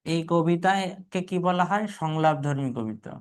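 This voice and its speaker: Quizzing male Bangla teacher, slightly high voice. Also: moderate pace, smooth. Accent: Bangladeshi Bengali. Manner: quizzing and answering his own questions, calling out students' names. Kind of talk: live online exam-review class.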